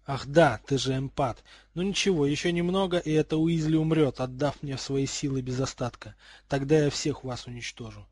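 A man's voice: medium pitch, moderate pace, a little mellow, husky, no echo, lightly acted. A man voicing a sneering young male ghost wizard who mocks and hisses with menace. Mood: menacing. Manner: mocking, hissing, menacing.

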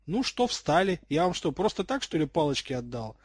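A man voicing a cocky teenage boy wizard who talks loud and sarcastic, in a dry recording. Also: fairly high pitch, big pitch swings, moderate pace, breathy edge, no room sound. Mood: mocking.

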